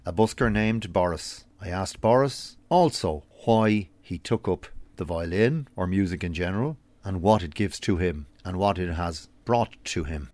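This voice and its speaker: A man presenting a radio feature, reading scripted links in a measured way and interviewing guests. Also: deep voice, darkish tone, dry recording.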